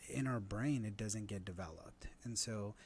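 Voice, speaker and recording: A man's voice: lowish voice, normal speed, darkish tone, slight background noise. A man in his thirties explaining parenting ideas in an earnest conversational way, often tagging points with "right?". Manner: earnest, uses "right?" as a tag. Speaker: guest expert on parenting.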